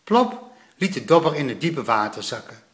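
A man reading a children's story aloud in a lively, animated way. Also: medium pitch, moderate pace, roomy sound.

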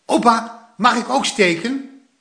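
A man's voice: very high-pitched, slow, vocal fry, pushed and bright, pitched above the performer's own voice, heavily acted. A man voicing Plop, an eager but timid little boy who stammers a bit. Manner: hesitant, stammering.

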